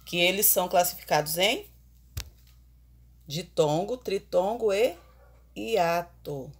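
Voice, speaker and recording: Slow, husky woman teaching grammar. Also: fairly low pitch. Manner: slow, explanatory, asks the class questions. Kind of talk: online grammar lesson.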